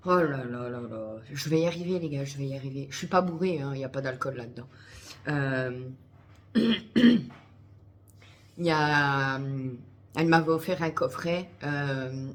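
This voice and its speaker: A woman's voice: extremely low pitch, normal speed. A woman vlogging in casual chat to camera, chatty and swearing freely, talking through a headset.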